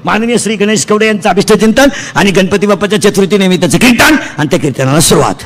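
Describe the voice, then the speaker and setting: Loud, high-voiced comic preacher. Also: male voice, lively intonation. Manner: loud, declaiming, quizzing the crowd for quick answers. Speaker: kirtan preacher. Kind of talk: comic devotional sermon. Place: festival pandal stage. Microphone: stage microphone.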